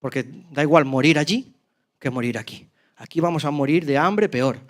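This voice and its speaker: A pastor from preaching a sermon, telling a story dramatically in a voice that swings between loud and soft. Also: male voice, fairly high pitch, normal speed. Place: church.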